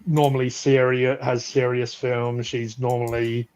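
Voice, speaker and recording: A man's voice: medium pitch, level tone, measured pace, a little mellow. A man chatting casually about films on a live stream, rambling with frequent restarts and laughs. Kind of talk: casual chat.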